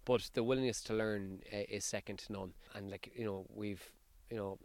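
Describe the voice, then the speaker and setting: A man with a west of Ireland accent speaks in a low voice with little melody. He is a coach being interviewed, talking off the cuff and often doubling back on words. The sound is close and dry. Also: fairly even intonation, moderate pace, a little mellow, no room sound. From County Sligo, west of Ireland. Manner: hesitant, repeating words as he searches for phrasing. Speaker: football team coach.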